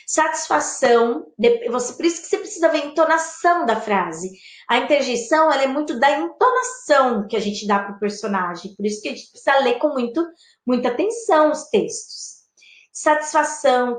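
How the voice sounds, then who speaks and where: Woman teacher for an online class, bright and high-pitched, chatty and warm with students, recorded in an echoey room. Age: adult past adolescence. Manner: expressive, acts out the example words with lively swings of pitch.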